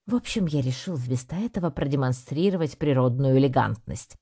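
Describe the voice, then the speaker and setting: Audiobook narrator, a woman with a very deep, husky voice, wry tone. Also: animated, brisk, warm tone. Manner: wry, storytelling. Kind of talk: scripted first-person narration.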